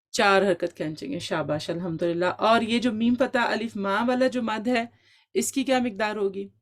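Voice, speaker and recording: A woman teaching an online Quran recitation lesson, quizzing her students and encouraging them, with English words mixed into her Urdu. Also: mid-range voice. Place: online class.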